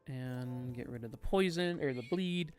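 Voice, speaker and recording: A young man giving casual, unhurried commentary while playing a game, tired and yawning, thinking aloud with many pauses and fillers. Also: medium pitch, a little mellow, faint music behind. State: sleepy. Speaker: gaming streamer.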